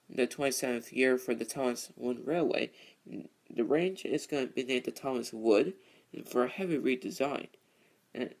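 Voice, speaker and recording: A man hosting a casual, rambling vlog, halting and repeating his phrases as he goes. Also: mid-range voice, vocal fry. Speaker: video host, toy train hobbyist.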